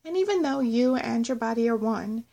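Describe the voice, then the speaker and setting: A woman narrating a scripted guided meditation in a measured, instructional way. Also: a little high, expressive, vocal fry, mellow. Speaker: host of a guided self-love meditation audio.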